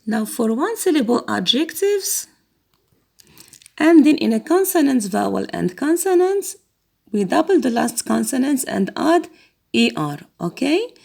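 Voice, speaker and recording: Female teacher for a grammar lesson, slow and patient, lively pitch, a bit gravelly. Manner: slow, patient, repeats words for students to copy. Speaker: English teacher.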